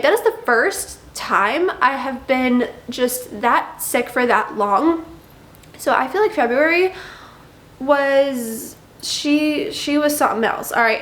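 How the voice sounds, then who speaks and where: Talking to camera in a chatty vlog, a young lifestyle vlogger sounds bubbly and stretches out her emphasis, though congestion still leaves her a bit nasal. Her high, slightly bright voice reverberates in the room.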